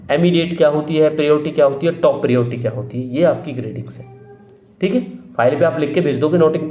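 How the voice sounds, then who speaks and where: A man's voice: on the high side, mellow, roomy sound. A man teaching an online exam-prep lesson, explaining step by step and asking the students questions he then answers himself. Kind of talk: online lecture.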